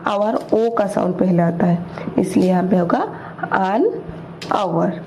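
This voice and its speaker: A woman teaching English grammar, explaining slowly and repeating each word, asking questions and answering them herself. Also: mid-range voice, fairly even intonation, darkish tone. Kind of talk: slow explanatory lesson in Hindi. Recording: dull lo-fi recording with faint noise.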